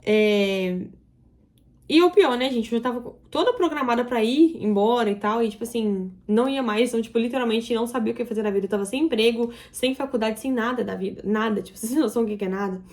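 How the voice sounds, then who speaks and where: A woman's voice: on the high side, fast talker, a little mellow. A young woman telling a personal story to her viewers in an emotional, confiding way. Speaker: vlogger. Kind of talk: confessional storytelling to camera.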